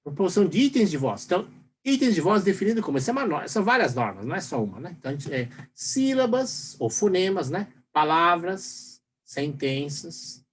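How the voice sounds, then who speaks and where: A university professor with a Brazilian Portuguese accent gives a recorded lecture, talking fast and rambling with fillers and tag questions on most sentences. His pitch swings widely as he explains, over a faint hiss of background noise.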